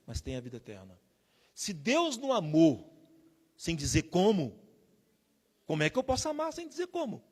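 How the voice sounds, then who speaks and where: A man preaching a sermon with strong emotion, moving between loud emphasis and hushed storytelling. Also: a little high, husky. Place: theater hall. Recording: preaching in a hall with long reverb.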